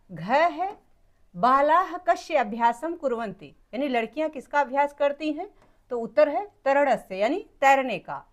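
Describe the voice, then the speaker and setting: A woman teacher patiently working through textbook exercises for children, reading the word forms slowly and repeating each answer. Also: high voice. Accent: Hindi.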